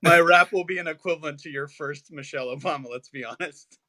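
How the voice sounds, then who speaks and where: A man's voice: on the high side, quick pace, sharp tone. A man chatting as a guest on a casual livestream, full of joking, self-deprecating banter.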